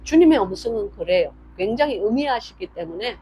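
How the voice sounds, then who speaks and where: A woman's voice: medium pitch, expressive, fairly quick, mellow, slight background noise, low-quality recording. An older woman pastor preaching a sermon and telling a personal story, acting out dialogue with shifts in voice.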